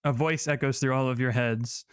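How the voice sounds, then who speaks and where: A man's voice: mid-range voice, steady tone, normal speed, clear, resonant tone, dry recording, studio quality. A man acting as game master, improvising narration for a tabletop fantasy game.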